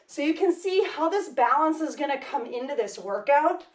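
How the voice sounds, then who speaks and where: A woman's voice: high-pitched, lively intonation, moderate pace. A woman fitness instructor cueing a workout class energetically while exercising, counting out reps. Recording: echoey room, mic at a distance.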